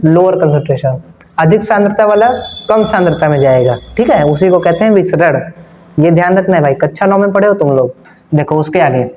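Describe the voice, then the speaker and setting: A man's voice: high voice, a little mellow. A man from India with a North Indian Hindi accent, teaching a science class online, repeating key terms and answering his own questions in a casual way. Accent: Hindi-speaking North Indian. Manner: casual, addresses students as brother and kids. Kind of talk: online class lesson with diagram.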